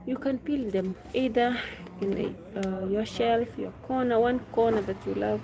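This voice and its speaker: A woman with a Kenyan accent live-streams, chatting casually and musing unhurriedly as she repeats phrases and reads and answers viewers' questions. Her voice is fairly high and her pace normal. Crowd noise makes the background clearly noisy.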